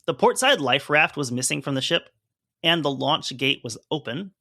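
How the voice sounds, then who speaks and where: A man with a bright, somewhat tense voice talks through a report in casual podcast chat, adding asides and fillers. His voice sits a little higher than most men's. The recording is dry and close. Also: expressive, normal speed, vocal fry, no room sound. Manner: conversational, hedging with fillers while explaining. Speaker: podcast co-host.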